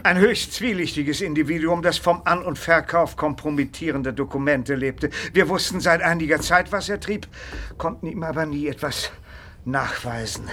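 Bright, sharp-voiced police inspector. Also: male voice, a little high, normal speed, slight background noise. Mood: matter-of-fact reporting. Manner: polite, matter-of-fact, knowingly pointed. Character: dry male police inspector, courteous, quietly suspicious. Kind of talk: radio play acting.

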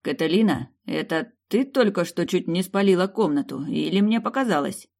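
A man's voice: high-pitched, lively intonation, moderate pace, a little mellow, exaggerated voice. An audiobook reader voicing a blunt male dragon noble who snaps and barks his words. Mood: gruff. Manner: gruff, snapping.

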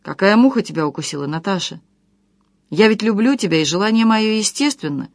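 A woman reading the part of a pushy, impatient young man who talks to his fiancée in an insistent, hurried way. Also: mid-range voice, expressive, dry recording, clean studio sound, natural voice.

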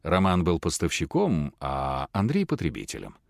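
A man voicing a calm, detached middle-aged professor who speaks in a measured way. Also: low-pitched, creaky, dry recording, studio quality, pitched below the performer's own voice, heavily acted. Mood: calm, cold.

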